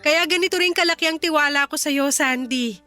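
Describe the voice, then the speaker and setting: A woman with a high, brisk voice, pushed and bright, plays a kind, reassuring company boss in a Filipino radio drama. She speaks with a Filipino accent, earnest and composed, sounding appreciative, while faint music plays behind her.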